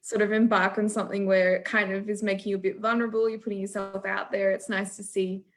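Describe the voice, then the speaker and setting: A woman's voice: mid-range voice, flat delivery, fast. A young woman, co-hosting a casual chat, chatty and giggly. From Australia. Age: young adult. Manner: warm, chatty, giggly, says "like" a lot. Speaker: co-host.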